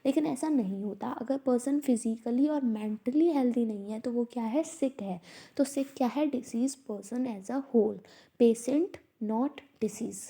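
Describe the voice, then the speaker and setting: A woman teaching a study lesson, asking herself questions and answering them, reading quoted passages out slowly. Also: fairly high pitch, mellow, slightly rough. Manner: slow, repetitive, asks herself questions. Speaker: teacher explaining homeopathy texts. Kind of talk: study lecture mixing Hindi and English.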